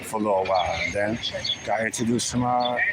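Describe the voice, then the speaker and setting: A man's voice: on the low side, brisk, background noise. A middle-aged man with a New York accent, chatting loosely in a live street vlog on his phone. He is outdoors on a hot city street and reads viewer comments aloud. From the Bronx, New York. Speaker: livestreamer. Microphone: phone camera.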